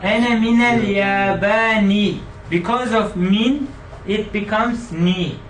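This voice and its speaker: A man's voice: high-pitched, steady tone, normal speed, a bit bright, recorded from a distance, a little hiss or hum. A man teaching a classroom grammar lesson, quizzing students and repeating their answers back to them. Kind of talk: classroom lecture with student drills. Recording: echoey room picked up from afar.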